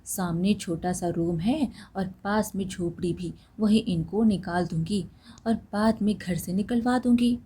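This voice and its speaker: Storybook villainess: a jealous, scheming sister-in-law, sneering and slow, read by a woman. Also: medium pitch, warm tone, slightly rough. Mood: taunting. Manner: taunting, sneering.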